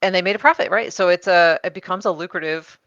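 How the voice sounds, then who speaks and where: A woman's voice: on the low side, quick pace, fairly bright tone, dry recording, highs cut off. A woman co-hosting a podcast, explaining her research in casual chat with many fillers and frequent laughs. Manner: chatty, laughs often, many fillers and restarts.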